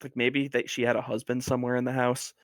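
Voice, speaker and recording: A man guesting on a podcast, telling a story in a casual, animated way with lots of fillers. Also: mid-range voice, quick pace, dry recording, clean studio sound.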